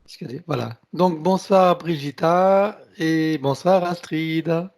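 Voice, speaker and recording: A man's voice: fairly high pitch, takes it slowly, creaky, darkish tone. A man hosting a spiritual session in an informal, conversational way.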